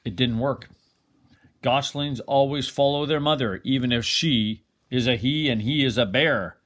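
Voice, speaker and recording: Like a grandfather at bedtime, an older man reads a children's picture book aloud with lots of expression and dramatic pauses. His voice is medium in pitch and a touch bright.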